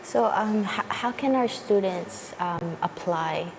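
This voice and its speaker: A woman hosts a morning show interview, feeling her way through questions with halting hesitations. Her voice sits at a middle pitch, with clear ambient noise around it. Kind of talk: interview hosting. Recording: noisy room with clear background ambience.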